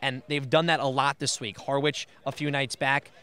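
A young man recapping a baseball game as an analyst, outdoors on a field with a handheld mic, running quickly through stats. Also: medium pitch, steady tone, bright, forceful tone, smooth. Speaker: sports analyst. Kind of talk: postgame recap.

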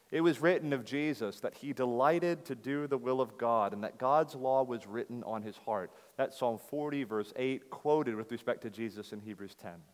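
Man preaching in a reverberant church. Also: mid-range voice. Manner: emphatic expository preaching, rhetorical questions. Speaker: pastor. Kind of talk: sermon. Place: church sanctuary.

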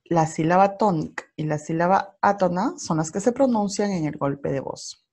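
A woman with a Peruvian Spanish accent teaching a recorded primary school grammar lesson, explaining slowly and carefully with worked examples. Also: fairly low pitch, darkish tone.

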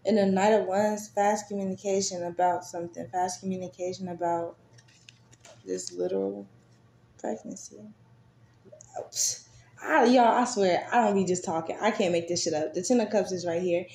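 A woman's voice: mid-range voice, normal speed, a little mellow. A woman giving a casual tarot reading, chatty and swearing freely, with many fillers. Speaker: tarot reader. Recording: echoey room, faint noise.

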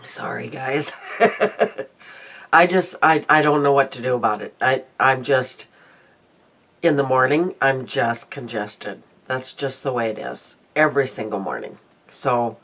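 With an extremely low-pitched, unhurried voice, an older beauty vlogger from the Midwestern United States talks casually into her desk webcam. She's in a small, cluttered room indoors at home, and her nose is congested. Her talk wanders and she keeps breaking off to restart her sentences.

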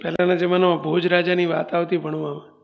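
A man's voice: a little high, level tone, fast, vocal fry, muffled recording. A male swami giving a sermon, telling a parable and asking the audience rhetorical questions, in a temple hall. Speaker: swami preaching. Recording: long reverb of a temple hall.

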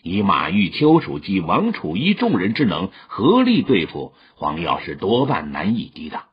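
A man narrating a martial arts novel audiobook in a lively storytelling manner. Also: low voice, normal speed, breathy edge. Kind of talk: scripted wuxia novel narration. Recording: dull lo-fi audiobook recording.

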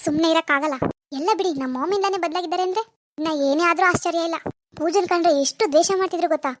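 A woman's voice: extremely high pitch, very fast, no echo, studio quality. A woman voicing a jealous, whiny cartoon wife. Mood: bitter. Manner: whiny, sulky and scheming. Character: spiteful, jealous young wife, elder daughter-in-law. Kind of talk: cartoon voice acting.

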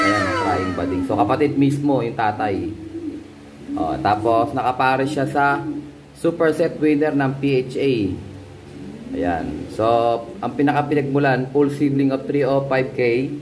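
A man's voice: mid-range voice, a little slow. Chatty man in a noisy pigeon loft. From Philippines. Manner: chatty, keeps addressing viewers as guys. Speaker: pigeon breeder and vlogger. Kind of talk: casual vlog showing birds and pedigrees. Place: pigeon loft with birds around. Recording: noisy loft with bird sounds. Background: pigeons cooing.

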